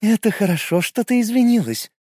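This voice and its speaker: A man's voice: high-pitched, sing-song, a little mellow, slightly rough, dry recording, clean studio sound, voice pushed up, full character voice. A man voicing a haughty young noblewoman who is sly and predatory, for a storybook. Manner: sly, cutting, drawn-out phrases.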